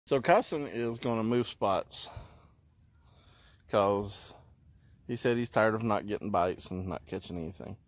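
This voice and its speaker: A man's voice: measured pace, long pauses, no echo. Easygoing man on a lake dock. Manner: easygoing, often talks low and hushed. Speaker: fishing vlogger. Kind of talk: casual outdoor chat. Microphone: handheld phone camera.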